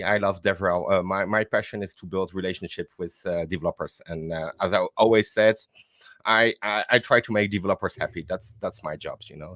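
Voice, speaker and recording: A man with a French accent, from the Netherlands and France, is a developer advocate appearing as a guest on a live stream. His fairly low, slightly bright voice has no room sound, and he talks hesitantly, with many fillers, restarts and repeated words, laughing easily.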